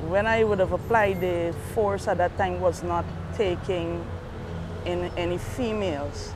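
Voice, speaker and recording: A woman police sergeant with a Guyanese accent gives a street interview outdoors near a junction. Her voice is lowish and unhurried, her answers short and matter-of-fact, with street noise around her.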